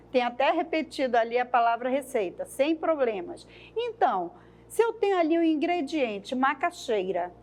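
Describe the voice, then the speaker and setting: A woman's voice: high-pitched, a little mellow. A woman training teachers, explaining lesson activities at a thoughtful pace and often adding tag questions.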